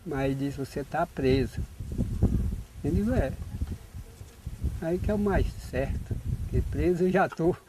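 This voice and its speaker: A man's voice: on the high side, unhurried, long pauses, noisy background. A man recounting being taken prisoner. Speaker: interviewee, local villager. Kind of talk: spoken testimony.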